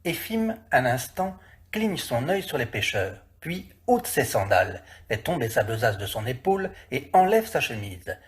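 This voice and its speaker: A man narrating a classic story in a vivid, expressive reading. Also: mid-range voice, unhurried.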